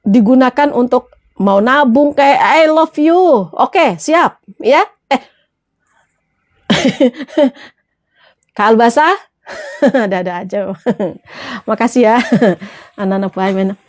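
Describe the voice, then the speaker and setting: A woman's voice: sits high, darkish tone. A woman motivational trainer, chatting casually with followers, laughing often and answering their comments.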